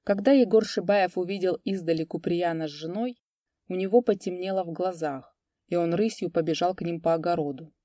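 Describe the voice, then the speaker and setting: Recorded close and dry without any echo, a woman reads an audiobook story in a dark, mellow voice pitched on the low side. Her pacing is measured and dramatic.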